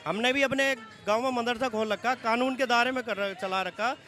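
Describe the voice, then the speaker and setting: A man with a very high voice and a bright, forceful tone, talking in an easygoing street-interview manner. He keeps insisting that nothing bothers him. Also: steady tone, normal speed, soft background music. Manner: easygoing, insistently repeats that there is no problem.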